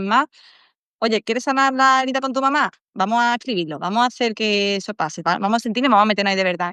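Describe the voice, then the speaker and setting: A woman from Málaga, Spain, with an Andalusian accent is a guest on a podcast, chatting casually in an interview. She speaks earnestly and reflectively, at times acting out her inner dialogue, in a bright, clean voice on the high side, recorded dry.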